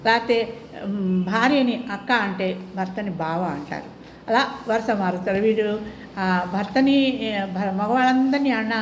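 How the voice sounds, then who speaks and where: A middle-aged woman speaks in a relaxed monologue for her viewers. Her voice sits at an ordinary medium pitch, and she keeps her tone courteous. She livens up when she imitates other people, and a faint background hum runs under her voice. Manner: polite, adds respectful 'andi' to many sentences; lively, mimics other people's speech. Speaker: vlogger. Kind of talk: casual explanatory monologue.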